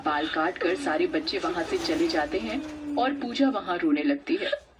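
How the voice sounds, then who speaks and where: A woman telling a cartoon story in a steady, even narrating voice. Faint hiss sits under her speech. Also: lowish voice, normal speed.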